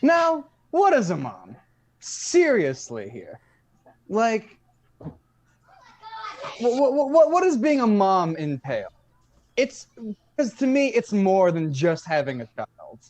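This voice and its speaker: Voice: medium pitch, huge pitch swings, slow, long pauses, a little mellow. An improv presenter giving a mock-earnest slideshow talk with lots of stammering repeats.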